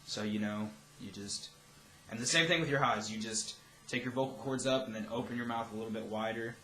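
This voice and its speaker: A man's voice: mid-range voice, brisk, bright, forceful tone. A young man giving a casual, loosely rambling tutorial as a vocal instructor. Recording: roomy echo, faint background noise.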